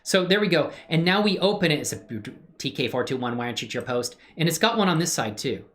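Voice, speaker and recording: A hobby 3D animator runs a laid-back livestream, effusive toward viewers and slangy and playful throughout. He talks quickly and animatedly in a slightly high, fairly bright voice, muttering and wandering off-topic while he works on screen.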